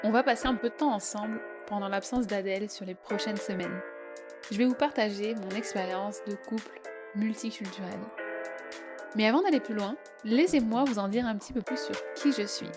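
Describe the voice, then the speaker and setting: A podcast host from southeast France chats casually over background music, her medium-pitched voice moving at a moderate pace. She's friendly and conversational, often hesitating as she talks.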